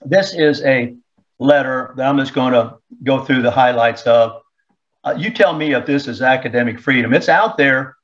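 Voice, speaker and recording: Sarcastic man ranting on a lo-fi show. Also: mid-range voice. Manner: sarcastic, indignant, reads excerpts aloud. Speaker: talk show host. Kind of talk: opinion talk monologue.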